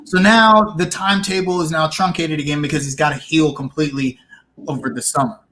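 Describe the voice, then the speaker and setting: A man co-hosting a casual sports podcast, opinionated and animated, restarting his sentences as he argues. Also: a little high, brisk, slight background noise. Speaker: podcast co-host.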